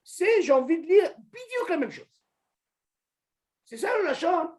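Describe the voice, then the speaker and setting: A man teaching an informal religious lesson to a small group, animated, asking questions and calling on a student by name. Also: very high-pitched, unhurried. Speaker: Torah teacher.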